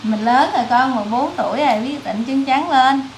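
A woman, the boy's mother, urging him emotionally to go work, gently scolding him not to cry. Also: sits high, brisk, a little hiss or hum. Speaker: mother of the boy. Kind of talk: casual chat.

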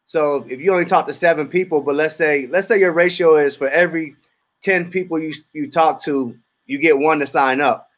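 A man's voice: fairly high pitch, normal speed, fairly bright tone. A man answering a trainer's questions on a video call, thinking aloud as he goes. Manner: thinks aloud with fillers and restarts.

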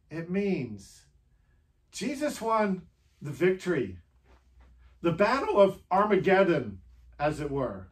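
A pastor giving a reflective Holy Week meditation, speaking gently in short phrases with long pauses and asking the listener many questions. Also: mid-range voice.

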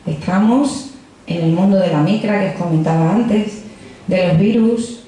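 She speaks unhurriedly in a fairly low, dark voice. A young physicist from Extremadura with a Badajoz accent, she's in a crowded indoor pub with a handheld microphone, delivering a chatty, joking science talk straight to the crowd, and the room echoes with faint noise.

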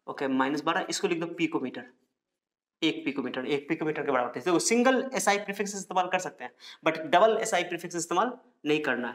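Fairly high-voiced man teaching a science class. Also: a bit bright. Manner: repeats each point, asks the class questions and answers them himself.

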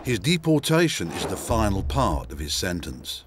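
A man's voice: low-pitched, normal speed. A man narrating a factual documentary in a scripted, dramatic way. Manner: dramatic, lively delivery. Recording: voice-over with loud music behind.

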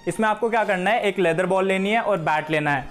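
A young man from Haryana, India, who coaches cricket, gives a friendly drill tutorial from a room at home, talking to a camera across the room and treating viewers as friends. His voice is high and fairly bright, a little fast, with faint music behind him.

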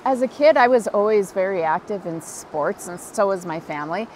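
A middle-aged fly fishing guide from Montana speaks earnestly and enthusiastically with a Montana American accent, interviewed outdoors by a river over a music bed. Her mid-range voice is a little mellow, with lively intonation and a moderate pace. The recording is rough, with a little hiss or hum.

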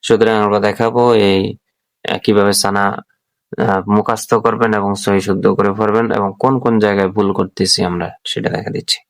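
A man teaching how to pronounce a prayer, repeating each phrase slowly for learners. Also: fairly low pitch, little pitch movement, no room sound. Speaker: religious teacher. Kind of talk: recitation lesson.

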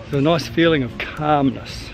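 Kiwi man, fifties, chatty sailing vlogger on a handheld camera outdoors, slightly high voice, music underneath. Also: normal speed, rough recording. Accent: New Zealand. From New Zealand. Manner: chatty, upbeat, teasing. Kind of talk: casual vlog narration. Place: outdoors on a tropical island.

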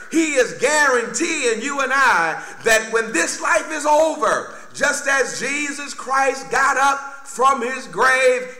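At the pulpit of an indoor church sanctuary, a middle-aged pastor delivers a fervent Baptist Easter sermon, exclaiming emphatically and repeating phrases. His very high voice sounds pushed and bright, captured on a boom-stand microphone with roomy, echoing church acoustics.

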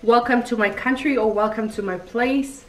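A woman's voice: a little high, normal speed. A woman co-hosting a casual language game, joking and guessing translations playfully. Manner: playful, joking, laughs often. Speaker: co-host, sister. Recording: echoey room, far from the mic, faint noise.

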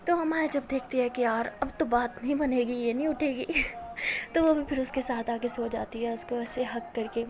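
A woman's voice: on the high side, moderate pace, crowd noise. A young woman with an Indian accent narrating a romantic story, voicing the dialogue of both characters herself. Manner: switches between soft narration and lively voiced dialogue.

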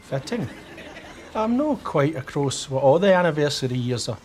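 An actor playing a deadpan, needling older man with a Scottish accent in a sitcom. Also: fairly high pitch, moderate pace. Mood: wry. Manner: wry, deadpan. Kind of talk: sitcom dialogue. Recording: clear background noise, room ambience.

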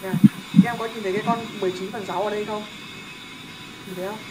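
A young male tutor rattles through a math lesson at a quick clip, casual and joking as he keeps checking that his students follow. Loud background noise sits under his voice throughout. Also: high-pitched, steady tone.

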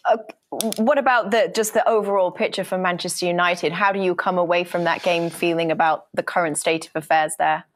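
A woman hosting a studio football show in a brisk, upbeat way. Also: fairly low pitch, fairly even intonation, slight background noise. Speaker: host.

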